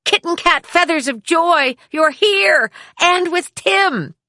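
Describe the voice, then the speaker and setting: A woman putting on a giddy gushing mother, squealing high, lively swoops. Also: takes it slowly, no room sound, exaggerated voice. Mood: overjoyed. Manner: squealing exclamations.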